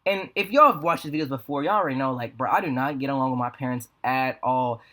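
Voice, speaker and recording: A man's voice: medium pitch, quick pace, pushed and bright. A young American man telling a story in a casual vlog, rambling and slangy with plenty of swearing. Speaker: video creator. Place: apartment room with a fan running. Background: fan hum.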